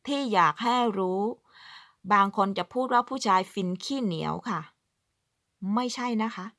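Bright-voiced chatty woman vlogger. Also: medium pitch, no echo, clean studio sound. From southern Thailand. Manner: chatty, emphatic, acts out quoted speech. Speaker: vlogger living abroad. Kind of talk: casual advice talk to camera.

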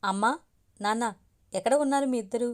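A woman's voice: fairly high pitch, a little fast, close to an everyday voice. A woman voicing a playful young college girl who teases her parents, read in an audiobook story. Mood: excited.

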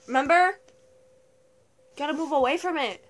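Bossy high-voiced girl playing a game. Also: normal speed. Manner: bossy, chatty, talks over the game. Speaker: player. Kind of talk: casual gameplay chat. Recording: noisy home recording.

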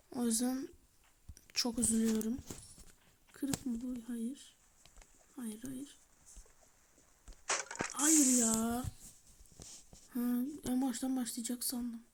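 A woman giving chatty let's-play commentary, talking to her viewers, shouting in bursts and muttering softly as she plays. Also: on the high side, flat delivery, normal speed, long pauses, slight background noise. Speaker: gaming channel host. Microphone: tablet or phone mic.

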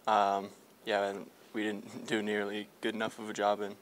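In a locker room after a game, a young male hockey player fields questions from reporters in a post-game scrum, several handheld mics held close. His fairly low voice is completely flat at a normal speed, full of fillers and restarts, with a little hiss or hum.

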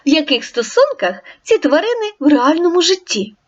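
A woman teacher giving a recorded reading lesson to young children, with clear, encouraging instructions. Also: high-pitched, sing-song, normal speed, dull audio. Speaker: primary school teacher.

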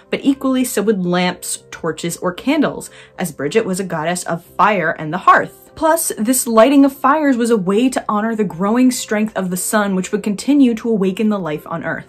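Chatty upbeat lady explaining stuff on her vlog, normal pitch, bit of music playing quietly. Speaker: spiritual vlogger, host. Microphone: camera mic.

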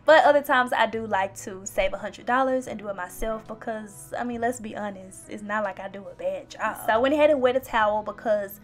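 A young beauty vlogger narrates her video in a casual voice-over, chatty and playful as she addresses viewers directly. Her mid-range voice moves a little fast with hardly any pauses, over faint background music.

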